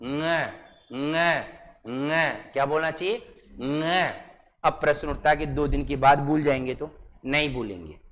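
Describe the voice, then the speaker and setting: A male teacher from Rajasthan leading a live coaching class. He drills his students with repeated questions and spells out sounds slowly, one syllable at a time. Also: fairly high pitch, slight background noise. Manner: exaggerated slow syllable-by-syllable pronunciation. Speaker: Hindi teacher.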